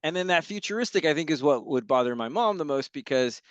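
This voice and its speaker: A man from Los Angeles, a guest facilitator, talking enthusiastically in a conversational interview over a video call, telling lively stories. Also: a little high, quick pace, clean tone, no echo. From Los Angeles, United States.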